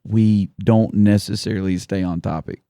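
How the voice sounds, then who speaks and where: A man with a fairly low voice, co-hosting a podcast and recorded close and dry. He teases the others and cracks jokes in relaxed banter. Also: normal speed, gravelly, clear, resonant tone, dry recording. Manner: teasing and wisecracking. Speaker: podcast co-host.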